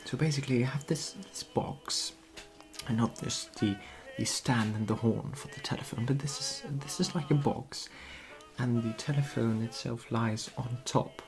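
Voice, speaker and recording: A performer in a whispered role-play as a genteel period society lady, gossiping softly and confidingly at a tea parlour. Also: mid-range voice, normal speed, music in the background, lightly acted. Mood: chatty, admiring. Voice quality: soft, whispery.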